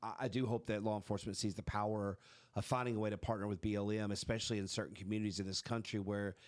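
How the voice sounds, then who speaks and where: A man's voice: lowish voice, level tone, fast talker. A man hosting a podcast interview, telling stories in a plainspoken way with frequent restarts. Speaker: podcast host. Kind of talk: casual interview conversation.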